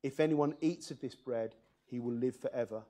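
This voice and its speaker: A man's voice: medium pitch, normal speed, mellow. A man preaching a church sermon, reading scripture aloud and putting earnest questions to the congregation.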